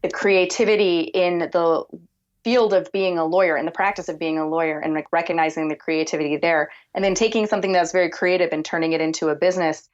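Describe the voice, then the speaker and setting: A woman's voice: on the low side, quick pace, dull audio. A woman podcast producer with a soothing voice, talking reflectively in long winding thoughts as an interview guest. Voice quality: soothing, relaxed voice. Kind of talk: casual conversational interview.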